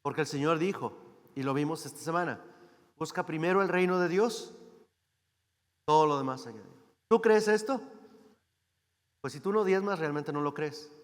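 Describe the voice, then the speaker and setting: A man from Mexico preaching as a guest speaker. His voice sits a little high for a man, and he keeps checking in with the congregation through rhetorical questions. A long reverb from the church hall trails behind his words. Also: brisk, pauses often. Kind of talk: sermon.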